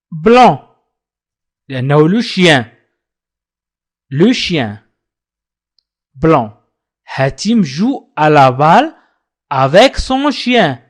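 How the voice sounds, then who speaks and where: A man teaching a simple French lesson for children, repeating each word slowly and translating it, then asking viewers to like and subscribe. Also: a little high, husky. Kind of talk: slow language lesson for children.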